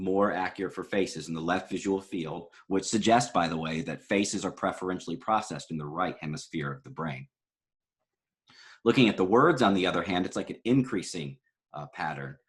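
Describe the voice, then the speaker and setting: A man's voice: low voice, moderate pace. A man lecturing on psychology research, explaining graphs in a conversational way with frequent fillers and self-corrections. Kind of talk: recorded lecture walking through graphs.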